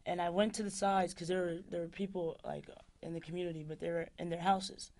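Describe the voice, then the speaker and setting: Woman activist with a gravelly, mellow voice. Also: lowish voice, level tone, brisk. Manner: plain-spoken, with "um" and "like". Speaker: activist guest. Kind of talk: telling a story in an interview. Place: studio.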